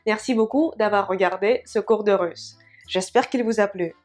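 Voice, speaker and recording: A woman with Russian as her first language, teaching a lesson in French and repeating example words slowly and carefully. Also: mid-range voice, faint music behind.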